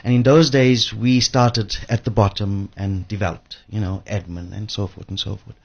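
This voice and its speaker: Speaking at normal speed in a low, steady, creaky voice, this older Johannesburg man with a South African accent reflects informally on his story as a radio interview guest. He's a pension fund trustee, and the recording sounds muffled.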